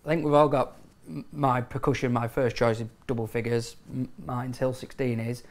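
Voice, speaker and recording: A man's voice: medium pitch, level tone. A man tipping bets as a racing pundit, emphatic and tripping over words now and then. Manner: emphatic, with quick stumbles. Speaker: racing pundit, betting tipster. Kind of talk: analytical chat.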